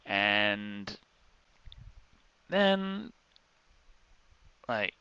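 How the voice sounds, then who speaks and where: An exhausted man rambling casually in an exasperated, complaining rant, with halting pauses. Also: fairly low pitch, very animated, bright, forceful tone, dull audio, slight background noise. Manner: exhausted, weary, with heavy sighs and halting pauses. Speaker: vlogger.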